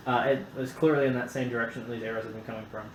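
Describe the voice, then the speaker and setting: A man acting as game master at a tabletop session, relaxed and often pausing on fillers. His voice sits at an ordinary pitch and carries a noticeable room echo, with faint ambient noise behind it.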